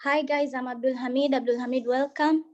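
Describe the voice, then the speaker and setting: A woman's voice: high voice, fairly even intonation, fairly quick, a little mellow, highs cut off. A woman from Tanzania, hosting an online meeting and welcoming people as they join the video call. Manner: reads out participants' chat greetings.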